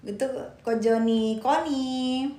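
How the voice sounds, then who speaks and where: A woman's voice: fairly high pitch, mellow, echoey room. A woman giving casual live-stream commentary. She argues emphatically, repeats her points and answers viewer comments aloud.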